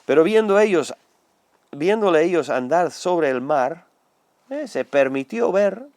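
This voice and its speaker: An older man from Spain with a Spanish accent, preaching a conversational sermon while hoarse from a lingering cold, often slipping into acted quotes. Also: fairly high pitch, sing-song, a little slow, a little mellow, no echo. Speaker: pastor.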